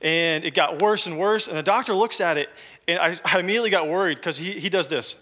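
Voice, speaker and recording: Bright-voiced preacher in a reverberant hall. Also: male voice, sits high, fast. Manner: conversational, joking asides to the congregation. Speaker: pastor. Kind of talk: sermon with personal storytelling. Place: church hall with congregation.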